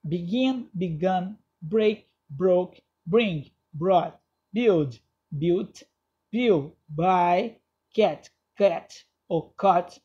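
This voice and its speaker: Husky Brazilian teacher, lo-fi recording. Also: male voice, high-pitched, extremely slow, dark tone. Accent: Brazilian Portuguese. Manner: checks in with students often, spells out endings letter by letter. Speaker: English teacher. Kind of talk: recorded lesson explaining grammar.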